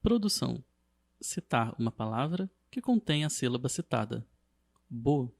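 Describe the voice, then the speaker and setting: A man narrating a scripted lesson as a teacher, in a steady, measured reading. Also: medium pitch, vocal fry.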